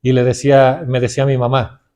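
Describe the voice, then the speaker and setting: A man's voice: medium pitch, monotone, a little fast, darkish tone. A middle-aged man with a Mexican Spanish accent preaching a sermon, often calling his listeners brothers and putting questions to them.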